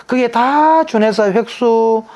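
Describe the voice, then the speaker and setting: A man's voice: very high-pitched, slow, a little mellow. A man, a monk who gives naming advice, explains his ideas in an interview and often answers his own rhetorical questions. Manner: lecturing, asks rhetorical questions and answers them himself; drops into a casual, emphatic sentence ending.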